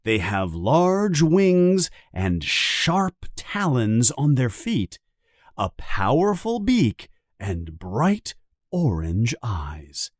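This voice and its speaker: A man narrating a simple storybook for learners in a very slow, expressive reading. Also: medium pitch, no echo, studio quality.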